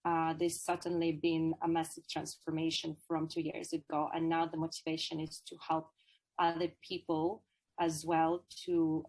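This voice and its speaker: A woman, a yoga therapist answering interview questions in an earnest, measured way with many "uh" fillers. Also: deep voice, a little mellow. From Ukraine. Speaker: guest, Ayurveda yoga therapist.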